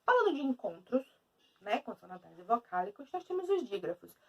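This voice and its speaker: A woman teacher with a Brazilian Portuguese accent giving a video lesson in an emphatic, lively way. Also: fairly high pitch, a little fast, slightly rough, far from the mic, highs cut off.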